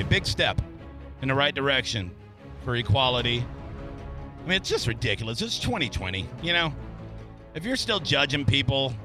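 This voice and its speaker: A man hosting a radio show, chatting and joking offhand with callers and his co-host. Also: mid-range voice. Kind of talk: morning radio banter. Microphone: studio microphone.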